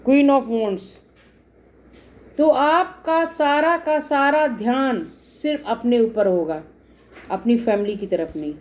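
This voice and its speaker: A woman's voice: a little high, slow. A woman giving a casual tarot reading to her viewers, explaining each card at length and speaking to them directly. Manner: explains cards repetitively, addresses viewers directly. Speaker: tarot reader.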